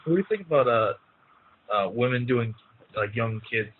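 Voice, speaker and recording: A man's voice: medium pitch, lively intonation, normal speed, a little hiss or hum. A man chats casually and often trails off mid-sentence. He mostly gives short reactions. His voice sounds narrow and phone-like. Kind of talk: casual chat about anime dubs.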